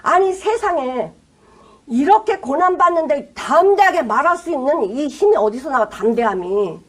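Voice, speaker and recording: A woman pastor giving a sermon, speaking emphatically and asking rhetorical questions, her voice swinging between loud passages and hushed ones. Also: high voice, lively intonation, normal speed.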